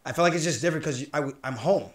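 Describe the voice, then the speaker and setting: Brief: upbeat man from New York, quick talker, roomy echoey room. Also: a little high. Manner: quick, upbeat, laughing storyteller. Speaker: podcast host and fighter. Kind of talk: casual chat. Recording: roomy echo.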